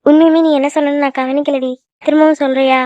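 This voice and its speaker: A woman's voice: high voice, little pitch movement, fast, dark tone, no echo, highs cut off. A woman voicing young women in a Tamil-language cartoon, in worried, confiding chatter.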